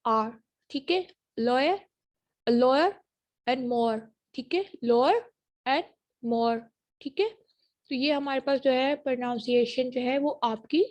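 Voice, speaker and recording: A woman's voice: high-pitched, darkish tone. A woman teaching a university phonetics lecture, switching between Hindi-Urdu and English and often checking that students follow. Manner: mixes Hindi-Urdu and English, checks understanding with repeated "ठीक है".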